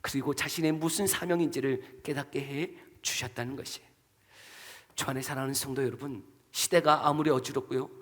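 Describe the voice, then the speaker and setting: A male pastor preaching a sermon to his congregation, rising to emphatic peaks, asking questions and leading the church in reading together. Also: mid-range voice. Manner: rises to emphatic preaching peaks, then drops to soft asides; asks the congregation questions and leads unison reading. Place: church sanctuary. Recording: long church reverb.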